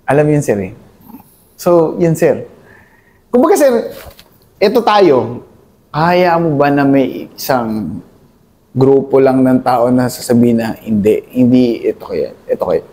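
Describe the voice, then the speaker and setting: Earnest, deferential man with a dark voice. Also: medium pitch, animated, takes it slowly, pauses often. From Philippines, Cavite. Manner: deferential, adds "sir" to nearly every phrase; earnest, mixes English into his talk. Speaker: army officer guest. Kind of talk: candid interview talk.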